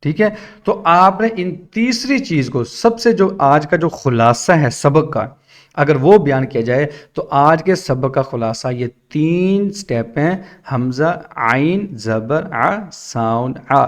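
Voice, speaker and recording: A man's voice: a little high, expressive. A man teaching Quran reading, who drills letter sounds aloud in repeated syllables and asks and answers his own questions.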